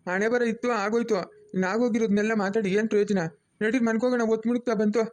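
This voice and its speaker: A man with a rural Chikkaballapur Kannada accent plays a blunt, scolding villager. His voice sits high and his speech runs fast. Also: steady tone. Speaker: son-in-law in a family drama. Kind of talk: village web-series acting.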